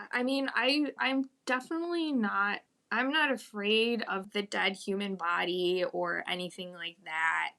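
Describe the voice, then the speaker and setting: A woman with a medium-pitched voice talks openly in a casual interview. She is reflective and informal, padding her thoughts with small hedging asides. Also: fairly bright tone. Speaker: interview guest, mortician. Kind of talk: candid casual conversation.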